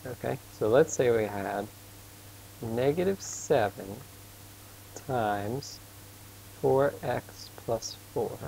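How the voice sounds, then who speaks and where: A man with a mid-range, creaky, mellow voice tutors math in a casual, patient way, quizzing his student as he works and admitting he talks fast. The informal lesson is a rough recording with a little hiss or hum.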